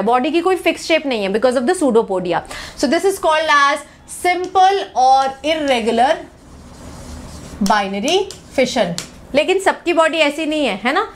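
A young woman with an Indian accent teaches biology in a live online class, mixing Hindi and English. Her voice sits high, and she talks at an unhurried, deliberate pace. She keeps calling the students "beta" and firing questions at them. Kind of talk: live online exam-prep lesson.

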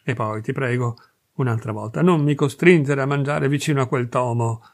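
A man's voice: mid-range voice, normal speed, close to an everyday voice. A male reader voicing a brash, mocking freethinking Parisian man who talks boastfully and scornfully.

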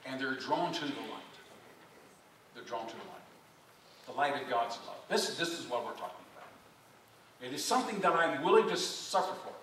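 A male pastor delivers a lively sermon, his pitch rising and falling widely in a bright, forceful tone. He leans on rhetorical questions and repeats his key phrases. He is heard from some distance, in a strongly echoing church with faint room noise. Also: moderate pace, pauses often. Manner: animated preaching with rhetorical questions and repetition. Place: church sanctuary.

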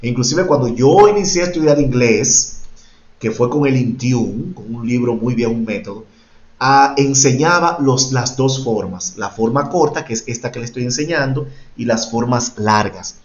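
A man leads an English lesson for Spanish speakers, walking through each grammar point patiently and dropping English example sentences into his explanations. His voice sits at an ordinary pitch. It reaches us dull and lo-fi from a roomy, echoey space. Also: lively intonation, normal speed. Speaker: English teacher. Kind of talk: bilingual online class teaching.

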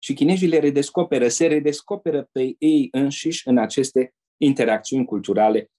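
An older man from Romania, a retired diplomat, telling anecdotes as a guest in an interview in a measured way. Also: mid-range voice, dark tone. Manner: measured storyteller who acts out quoted people.

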